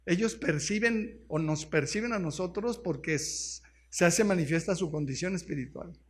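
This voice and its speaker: A man with a Mexican accent preaching a sermon as pastor, often pausing to ask the congregation questions and explaining words one by one. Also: high-pitched. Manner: keeps asking the congregation questions.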